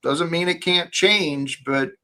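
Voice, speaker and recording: A man's voice: fairly high pitch, slow pace, pushed and bright. A man hosting an earnest spiritual discussion in a preachy, emphatic way. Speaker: host of a faith discussion.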